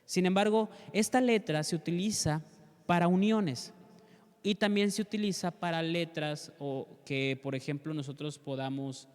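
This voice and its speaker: A man's voice: on the high side, normal speed, a little mellow, clear, resonant tone. Man, Bible class teacher, earnest direct address, resonant voice, long reverb.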